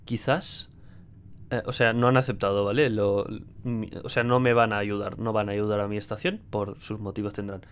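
A man's voice: fairly low pitch, flat delivery, normal speed, clean tone. A young man, commentating his gameplay casually, joking and swearing. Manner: chatty and joking, swears a lot. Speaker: gameplay streamer.

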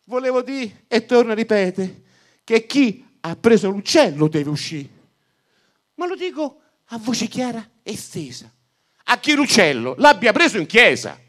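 A man doing an exasperated village priest, very high strained voice, loud shouting, comic verse. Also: expressive, slow, heavily acted. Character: flustered middle-aged male village priest.

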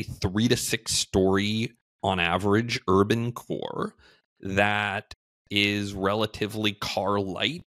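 Man in his thirties, low voice, dry close sound, measured explainer, video call guest. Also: fairly bright tone, no echo. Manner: measured explanatory, frequent "um" and "you know". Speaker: podcast guest, housing entrepreneur. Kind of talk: conversational interview. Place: home room, remote video call.

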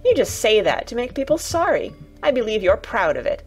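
A woman voicing a stubborn, sour-tempered young girl in a storybook reading, with fierce, sharp retorts. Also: fairly high pitch, big pitch swings, a little fast, soft background music, pitched above the performer's own voice, low-quality recording. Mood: scornful.

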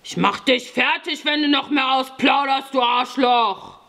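A woman's voice: high voice, unhurried, pitched above the performer's own voice. A woman doing a snarling young thug. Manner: snarling, shouting insults. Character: foul-mouthed young male thug. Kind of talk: audiobook reading.

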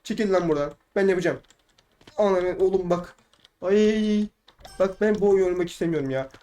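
A man giving live gameplay commentary, ranting in frustration at the game and repeating words in quick bursts. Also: high-pitched, warm tone. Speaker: gaming YouTuber.

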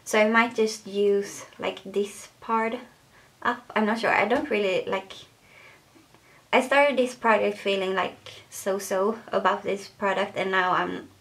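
A woman's voice: medium pitch, fairly even intonation, unhurried, a bit bright. A young woman with a Swedish accent talking casually to camera as a beauty vlogger, hesitant and full of fillers.

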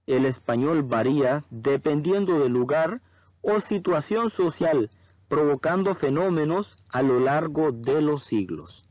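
Man, slow careful teacher, lively pitch, fairly high voice. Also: dry recording. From Honduras. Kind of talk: educational narration.

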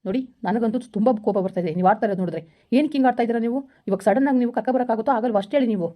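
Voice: medium pitch, very fast, lightly acted. A performer playing a stern male gang boss who scolds and threatens his wife impatiently. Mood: scolding. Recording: muffled lo-fi recording.

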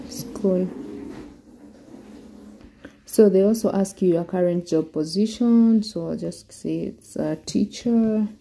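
A woman's voice: medium pitch, gravelly, dark tone. A Kenyan woman walking viewers through an online form step by step in a screen-recorded tutorial. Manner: slow, step-by-step explaining. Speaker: vlogger.

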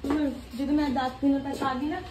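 A woman's voice: high voice, level tone, brisk. A young woman, chatting casually with family as a vlogger. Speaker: vlogger, daughter saying goodbye. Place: small bare rooms of a family house. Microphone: handheld phone camera at a distance. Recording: noisy room, distant phone microphone.

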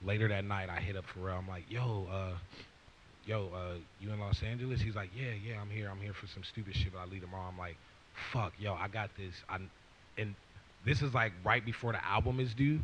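Here a man in his twenties speaks in a lowish, steady, slightly bright voice, moving briskly. The recording is muffled with a little hiss or hum. He's a guest rapper on a stage with a leather couch before an audience, gripping a handheld mic and casually telling a long, profane, rambling story while acting out quoted lines.

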